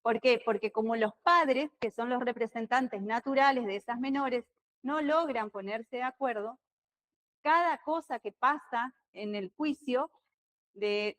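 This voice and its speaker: Lively Argentine woman teaching law. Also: on the high side. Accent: Argentine Spanish. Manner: lively, talks loud, asks students questions. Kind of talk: classroom lecture. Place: classroom.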